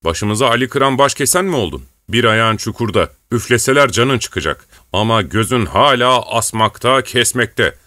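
A man reading an audiobook and voicing a rough, boastful male rebel chieftain who blusters and makes threats. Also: medium pitch, expressive, moderate pace, few pauses, bright, forceful tone, dry recording. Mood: reproachful.

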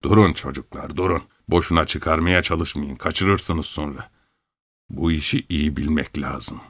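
A know-it-all old village shepherd who cautions his friends in a low, drawn-out voice, as a man reading the story puts him on. He speaks softly and slowly, and the recording is dry and close. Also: no room sound, heavily acted. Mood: cautioning.

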